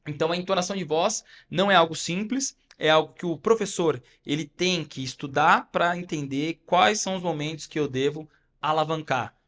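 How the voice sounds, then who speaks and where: A man's voice: on the high side, normal speed, a bit bright. Man explaining coaching tips in a podcast. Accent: Brazilian Portuguese. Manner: explains step by step, frequent "né?" and "tá?". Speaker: podcast co-host, fitness coach. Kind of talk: casual instructive podcast talk.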